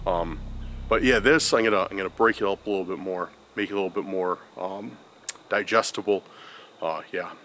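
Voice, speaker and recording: Talking casually to his viewers in a forest, a congested paranormal vlogger with a cold rambles along, restarting often and leaning on fillers. His voice is low yet fairly bright, fairly quick, and accompanied by a slight hiss or hum.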